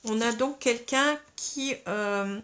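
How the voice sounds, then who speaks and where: A woman's voice: a little high, slow, fairly bright tone, slight background noise. A woman giving a tarot reading to her viewers, explaining each step patiently and often adding small fillers as she goes. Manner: patient, explains step by step, frequent "hein" and "euh". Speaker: tarot card reader. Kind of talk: guided tarot reading to camera.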